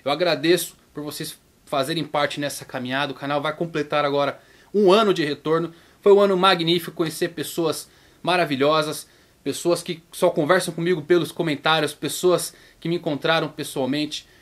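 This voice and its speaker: A man's voice: steady tone, fairly quick, fairly bright tone. Chatty Brazilian man hosting a vlog. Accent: Brazilian Portuguese. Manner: chatty, acts out viewers' questions in a higher voice. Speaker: YouTube manga channel host. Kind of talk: casual vlog talk to viewers.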